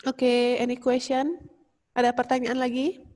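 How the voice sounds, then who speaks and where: A woman's voice: sits high, level tone, unhurried, a little mellow. A woman teacher wrapping up an online class over a video call in a friendly way, mixing in English phrases.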